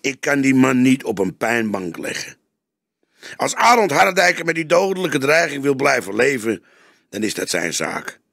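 A man voicing a stern, grey-haired old male detective who speaks firmly and deliberately. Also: mid-range voice, sing-song, creaky, fairly bright tone, no echo, clean studio sound, pitched above the performer's own voice, full character voice. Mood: patient. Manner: firm, measured, stern.

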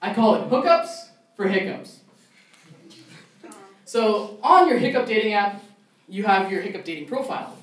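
A man's voice: sits high, lively intonation, normal speed, pauses often, fairly bright tone. Young man ranting in stand-up, echoey. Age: young adult. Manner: mock-outraged, ranting. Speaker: stand-up comedian. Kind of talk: stand-up comedy set. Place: college comedy club show. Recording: echoey room, mic far off, faint noise.

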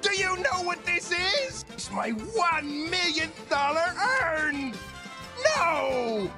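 An actor voicing a greedy, gruff crab ship captain who loves money, talking in a blustery, bellowing pirate manner over cartoon music. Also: male voice, very high-pitched, lively intonation, slow, full character voice.

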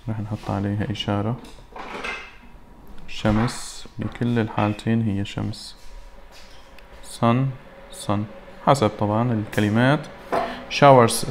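A man teaching an English lesson. He reads English words slowly and then translates them. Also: fairly low pitch, a little hiss or hum. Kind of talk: recorded classroom lesson.

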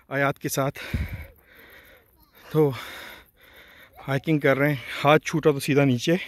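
Out hiking and breathing hard, a male travel vlogger talks easily to his audience about the mountain scenery and then a hilltop restaurant. His voice is a little high, and the recording has no room sound.

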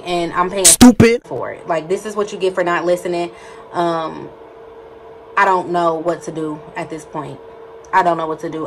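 A woman's voice: on the low side, fairly bright tone, slight background noise. A woman vlogging at home at night, sore and near tears, talking straight to her viewers in distress. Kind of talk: casual vlog talk to camera.

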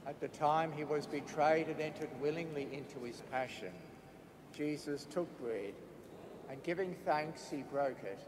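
A priest reciting the prayers of the Mass in a measured, solemn intoning voice, with cathedral echo. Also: male voice, fairly high pitch. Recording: echoey church with long reverb, faint background noise.

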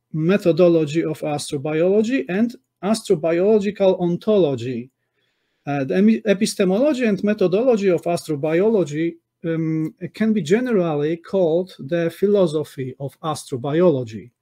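A man whose first language is Polish delivers an academic conference talk over a webcam call. His voice sits a little high yet sounds mellow and dark, and he moves in a measured way, often pausing on "uh" and correcting his own words. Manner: measured, with frequent "uh" pauses and self-corrections. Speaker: conference speaker. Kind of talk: academic lecture over slides. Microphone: webcam on a video call.

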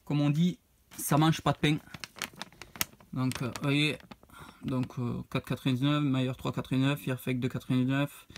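A man's voice: medium pitch, flat delivery, moderate pace, pauses often, a little mellow, slight background noise. A man, casually showing off his retro game purchases, rambling and hesitant as he reads out prices. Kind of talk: casual unboxing vlog.

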